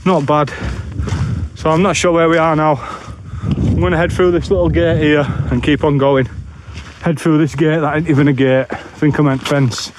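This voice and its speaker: A Bradford man from West Yorkshire, England, whose first language is English, chats bluntly in northern dialect while walking across open moorland for a solo camping vlog. His voice is fairly high and flat, at a moderate pace, with outdoor background noise around him.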